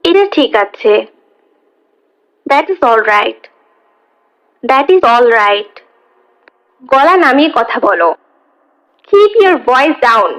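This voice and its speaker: A woman teaching English, reading a phrase quickly and then repeating it slowly twice in a drill. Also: sits high, dull audio. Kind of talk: slow phrase-by-phrase language drill.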